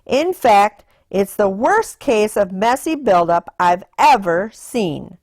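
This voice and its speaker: Woman reading as a slow, sensible papa bear. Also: mid-range voice, very animated, darkish tone, no echo, clean studio sound. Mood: firm, reasoning. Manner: measured, explanatory, firm. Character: father bear, sensible, firm, practical problem-solver.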